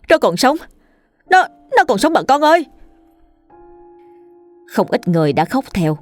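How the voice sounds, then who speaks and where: A woman narrating a scripted ghost story at a steady, even storytelling pace. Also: on the low side.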